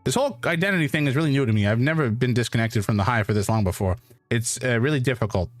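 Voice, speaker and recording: A man voicing a tiny, cheeky ant from a hive mind in a squeaky little voice, as he reads a fantasy game aloud. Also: fast, no room sound, faint music behind, lightly acted. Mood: earnest. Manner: cheeky, defensive, talks of itself as we. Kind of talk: voicing a game character while reading aloud.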